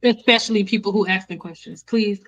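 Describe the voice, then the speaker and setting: A woman in her thirties, a host and hair care educator, lectures viewers on a live stream over soft background music. Her medium-pitched, fairly bright voice moves a little fast, and she's emphatic, repeating phrases to drive them home.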